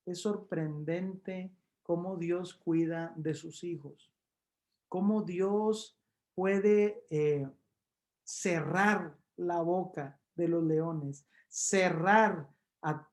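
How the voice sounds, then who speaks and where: An evangelistic preacher tells the story with dramatic swings, booming on one phrase and nearly whispering the next. Key words come slow and drawn out. Listeners are called brothers throughout. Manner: dramatic storytelling, swinging from loud emphasis to hushed tones; addresses listeners warmly as brothers. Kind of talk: evangelistic sermon.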